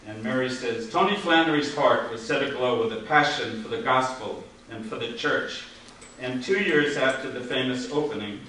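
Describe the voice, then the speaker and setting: A man's mid-pitched voice comes from far off in a very reverberant room with some noise. He formally introduces a guest speaker, reading from a prepared tribute. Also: a bit bright. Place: large echoey room, far from microphone. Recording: very echoey, distant, noisy hall.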